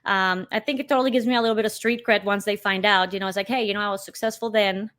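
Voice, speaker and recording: A woman's voice: mid-range voice, fairly even intonation, very fast, a bit bright. A woman in her thirties from Colombia, a podcast guest talking casually and emphatically, with plenty of "you know". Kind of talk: casual interview chat.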